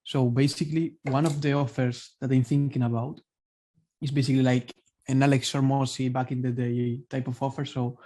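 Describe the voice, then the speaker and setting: Hesitant man with a warm, dark voice. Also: medium pitch, flat delivery, fairly quick. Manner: hesitant, thinking aloud. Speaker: coaching client. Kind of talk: asking questions on a call. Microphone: video call.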